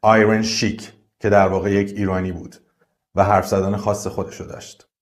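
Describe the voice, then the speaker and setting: A man hosting an English lesson, explaining pronunciation clearly and methodically. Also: on the low side, level tone. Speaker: English teacher and video host.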